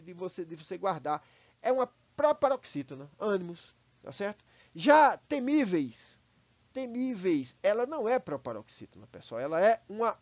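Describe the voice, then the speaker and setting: A man with a Brazilian Portuguese accent walks students through a grammar lesson in a fairly high voice, checking in with them often. He repeats words as he gathers his thoughts. The recording is dry and a little dull, like a basic home setup. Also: dry recording. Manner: explanatory, checks in with "né?" and "tá?", repeats words while thinking. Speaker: teacher. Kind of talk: recorded online class.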